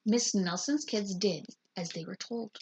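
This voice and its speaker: A woman teacher reading a picture book aloud in a slow, deliberate storytelling manner. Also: medium pitch, darkish tone, husky.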